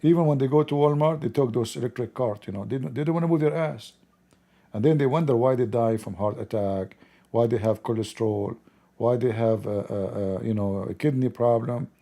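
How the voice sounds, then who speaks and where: Gravelly Arabic-accented man, blunt and opinionated. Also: medium pitch, warm tone. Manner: halting, repetitive phrasing in non-native English. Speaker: commentator. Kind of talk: informal political commentary.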